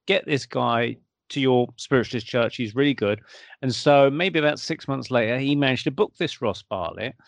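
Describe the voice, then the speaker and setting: A British man from the UK tells a personal anecdote in casual conversation, animatedly acting out the quoted dialogue. His mid-range voice has vocal fry and normal speed, with no room sound.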